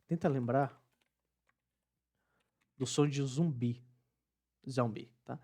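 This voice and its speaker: A young male English teacher from the Northeast of Brazil, with a Northeastern Brazilian Portuguese accent. He talks in a loose, chatty way and says the same word several times over to demonstrate a sound. His voice sits at an ordinary middle pitch. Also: takes it slowly, mellow. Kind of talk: casual online lesson.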